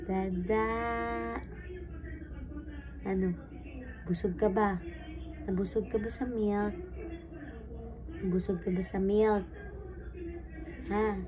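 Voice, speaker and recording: A woman, a mother, talking baby talk to her infant in a home video, cooing softly and asking the same questions over and over. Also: mid-range voice, takes it slowly, long pauses. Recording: steady background noise.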